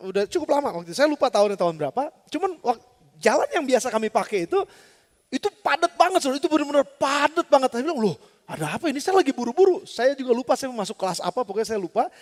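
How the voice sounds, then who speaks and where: Brief: lively male pastor, high-pitched and animated, preaching a storytelling sermon in a large, reverberant church hall. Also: fast talker. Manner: lively storytelling with rhetorical questions.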